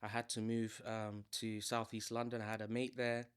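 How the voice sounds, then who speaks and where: A man's voice: on the low side, little pitch movement, moderate pace, clean tone. A man in his thirties from Malawi, talking through his career as a salesman in an easygoing, conversational interview. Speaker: guest, salesman. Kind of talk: casual interview storytelling.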